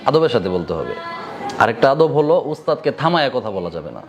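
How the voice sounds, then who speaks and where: A man's voice: mid-range voice, a little fast, over music. A man with a colloquial Bangladeshi Bengali accent teaching madrasa students a moral lesson, repeating each point back to them as a question. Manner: quizzes listeners with repeated rhetorical questions. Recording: steady background noise.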